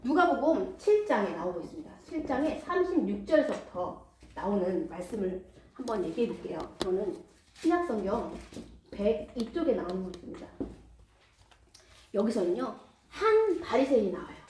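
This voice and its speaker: A woman preacher telling a Bible parable in a storytelling sermon, animated and often asking the congregation questions. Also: mid-range voice, normal speed, a little hiss or hum. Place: church. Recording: roomy church hall from a distance.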